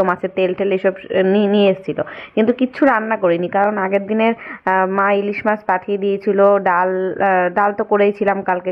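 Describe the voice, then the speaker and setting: A woman with a West Bengal accent, chatting casually through her household chores for her home vlog, her voice slightly hoarse. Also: medium pitch, phone-quality sound. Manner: chatty, running commentary on chores. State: hoarse from a cold. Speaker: vlogger. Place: home, indoors.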